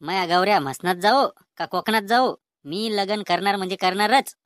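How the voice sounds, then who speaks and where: Woman putting on a stubborn old grandpa, Vidarbha Marathi accent, gruff and threatening, cartoon comedy, dry close sound. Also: medium pitch, normal speed, no room sound, lightly acted. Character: stubborn bossy old grandfather wanting to marry.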